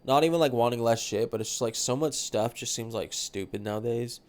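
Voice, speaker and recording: A man's voice: medium pitch, a little fast. A man hosting a solo podcast, talking in a rambling, laid-back way with plenty of swearing, his nose stuffed up. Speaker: podcast host. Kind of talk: solo casual chat.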